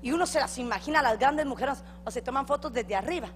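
A middle-aged Honduran woman pastor preaching a sermon in a church hall, acting out quoted voices and building to loud, emphatic peaks. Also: high voice, quick pace. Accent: Honduran Spanish. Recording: long hall reverb, faint hum.

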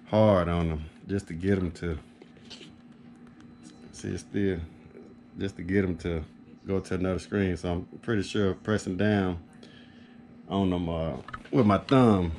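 An HVAC technician who hosts videos speaks in a deep, slightly mellow voice, slow and fairly even with long pauses. He rambles informally into a handheld camera about a product update, matter-of-fact, in a small carpeted home office. Light background noise sits under the recording.

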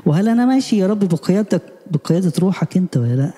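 Egyptian guy preaching quick, deep dark tone, reverb from a hall. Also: lively intonation. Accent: Egyptian Arabic. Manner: rapid searching questions, pleading. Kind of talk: spiritual sermon.

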